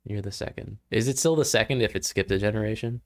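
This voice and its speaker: A man's voice: fairly low pitch, fast. A man co-hosting a live game stream, talking easygoing and dry while he sets up the game capture. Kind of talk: casual chat.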